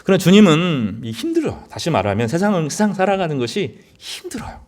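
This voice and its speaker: A man's voice: on the high side, wildly swooping pitch, a little fast, darkish tone. A middle-aged male pastor giving a sermon in an earnest, conversational way, often rising to emphatic peaks.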